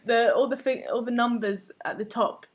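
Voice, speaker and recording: While painting on a live stream, a woman of Finnish family background chats in a relaxed way, often laughing and occasionally losing track of what she was saying. She speaks at a normal pace with a higher-leaning voice and fairly even intonation.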